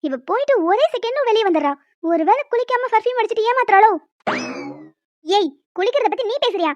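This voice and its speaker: A woman's voice: extremely high pitch, lively intonation, fast, dry recording. A woman voicing quarrelsome young female college students in a cartoon, bickering and teasing. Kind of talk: cartoon voice acting. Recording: dull lo-fi dry sound.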